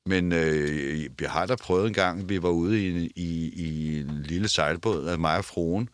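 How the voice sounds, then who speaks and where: Older male guest, casual chat, stammers and restarts, very deep voice, dry studio mic. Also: clear, resonant tone, dry recording. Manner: stammering, repeats words and restarts. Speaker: interview guest. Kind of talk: casual conversation. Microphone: headphones and studio mic.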